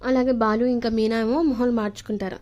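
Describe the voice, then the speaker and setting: A woman's voice: fairly high pitch, steady tone, fast talker, a little mellow, dull audio. A woman narrating a TV serial episode in a casual, rambling retelling full of linking fillers.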